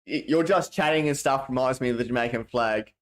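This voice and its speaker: Brisk and mid-range, this Australian livestream host reads viewer messages aloud while chatting in a casual, rambling, slangy way, frequently restarting himself.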